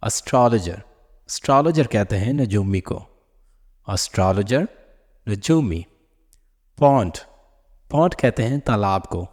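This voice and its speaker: Slow, low-voiced man drilling word lists. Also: a little mellow, big-room sound. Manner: slow and repetitive, each word said twice with its meaning. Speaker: vocabulary teacher. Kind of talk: repetitive word-list lesson.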